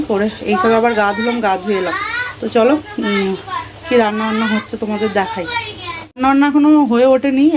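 A woman chatting casually through a home vlog, talking through her chores and cooking as she goes. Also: on the high side. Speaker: vlogger. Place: home kitchen. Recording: noisy room with frying sounds.

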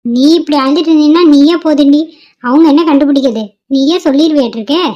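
A woman's voice: high-pitched, fast talker, warm tone, close to an everyday voice. A woman voicing a bold, scheming young office worker in a cartoon, speaking defiantly and dismissively. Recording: dull lo-fi cartoon audio.

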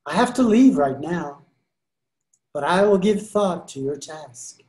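In an amateur readers theater held over a video call, an older man reads the role of the devil disguised as a sweet-talking friar. His voice sits on the high side, a little mellow, with lively intonation and a slow, drawn-out, coaxing delivery. The audio comes through a webcam microphone.

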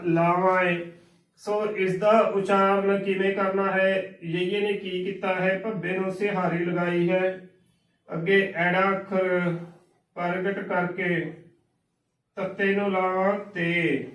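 A man gives a slow, patient pronunciation lesson, spelling out each word letter by letter. His voice sits fairly high but stays level, with little rise and fall. He is picked up from a distance in an echoey room. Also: fairly bright tone. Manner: spells words letter by letter, repeats correct and wrong forms. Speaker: Gurbani pronunciation teacher.

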